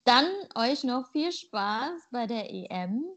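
Slightly high and a bit bright, the woman's expressive voice moves at a slow pace. She was born in Germany and co-hosts a podcast, where her casual conversation is blunt and playful and her jokes get spun out.

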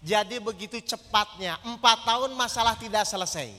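Very high, bright-voiced male preacher. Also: moderate pace. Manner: animated, questions the audience often. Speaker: Islamic preacher (ustadz). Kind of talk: sermon with storytelling. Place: hall with an audience. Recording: long hall reverb.

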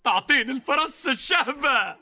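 A man's voice: very high-pitched, lively intonation, normal speed, bright, forceful tone, slight background noise, exaggerated voice. An actor with a southern Tunisian accent playing a young servant who fawns over his master. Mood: fawning. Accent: southern Tunisian Arabic. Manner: drowsy at first, then fawning and eager. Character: sleepy, eager young servant. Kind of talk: radio drama acting.

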